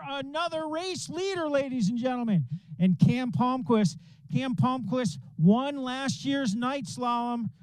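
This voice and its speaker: A man calling a ski race live, excitedly repeating racers' names and finish times. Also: very high voice, clean tone, dry recording, rough recording. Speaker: race announcer. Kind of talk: live sports commentary.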